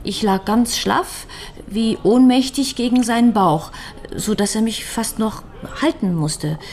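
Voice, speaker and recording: With a fairly high, slightly mellow voice, an actress plays a shaken but composed widow in a radio crime drama, recounting events haltingly and deliberately. A little hiss or hum sits in the background.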